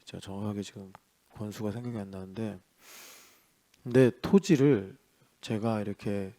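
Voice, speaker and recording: Guy preaching a dawn sermon in a church, warm dark voice, talks like a chat, asks the room stuff. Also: lowish voice. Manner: conversational, rhetorical questions, swings between loud and soft. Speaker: pastor. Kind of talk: early-morning sermon.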